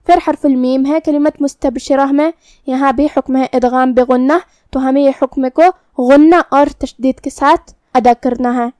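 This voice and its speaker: A woman's voice: high-pitched, a little mellow, no echo, studio quality. A woman teaching recitation rules in a methodical, step-by-step manner. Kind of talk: tajweed lesson explanation.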